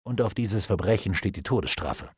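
A man voicing a calm, ironic nobleman in an audiobook, speaking in a low, measured voice with cool menace. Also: very noisy. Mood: icily calm. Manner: calm, dry, ironic, unhurried. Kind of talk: audiobook character reading.

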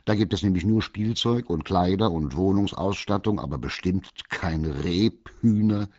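A man's voice: low-pitched, normal speed, a little mellow, no echo, highs cut off. A man voicing a fussy, posh male squirrel in a vest who talks sternly and grandly. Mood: haughty. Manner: stern, grand, a bit condescending.

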